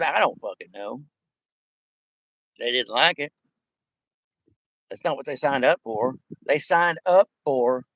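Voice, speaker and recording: In a rough, dry recording, a man with missing front teeth addresses his viewers as a vlogger in a casual rant. His fairly high voice rambles and repeats itself, emphatic and packed with swearing.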